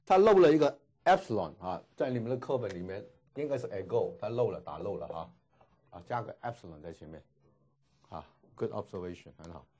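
A man teaching a classroom lecture, repeating each word slowly and filling pauses with drawn-out particles. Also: lowish voice, expressive, warm tone, breathy edge. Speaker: Greek language teacher. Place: classroom with students.

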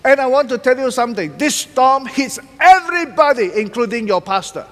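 A middle-aged male pastor delivers a sermon on a large church stage decorated for Christmas, his high, lively voice leaping up and dropping low for emphasis. Speaking slowly and deliberately, he hammers single key words repeatedly while pacing and gesturing widely, and a long reverb from the big hall follows his voice.

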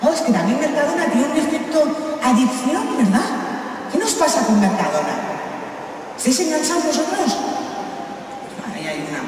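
A woman's voice: high-pitched, sing-song, normal speed, long pauses. A woman performing a chatty stand-up comedy monologue, teasing the audience and talking straight to them. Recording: echoey hall from far off, noisy ambience.

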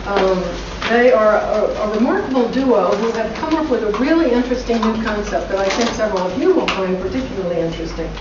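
Expressive and fairly quick, with hardly any pauses, a middle-aged school director hosts a forum and introduces guests with chatty asides in a medium-pitched voice. A far camera mic records her across a conference room, yielding echoey, noisy, dull lo-fi sound.

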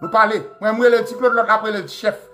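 A man with a Haitian accent delivering a heated live-stream rant, animated and combative, breaking into shouts and swearing, over faint background music. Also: sits high, fairly quick. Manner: animated, shouting bursts, code-switching, swearing. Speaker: commentator.

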